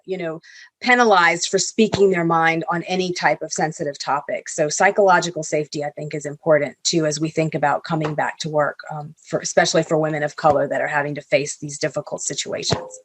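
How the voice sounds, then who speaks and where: A woman's voice: low voice, steady tone, fairly quick, no echo. A woman from Venezuela, a corporate executive, explaining her points earnestly on a video call panel discussion. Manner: earnest and explanatory, with small restarts.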